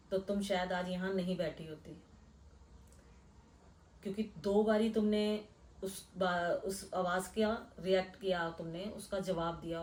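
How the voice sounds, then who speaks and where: A middle-aged woman from Delhi, earnestly retelling a frightening real-life experience in a hushed first-person way. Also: mid-range voice, distant mic. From Delhi, India. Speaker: storyteller. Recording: echoey room, voice a bit off-mic.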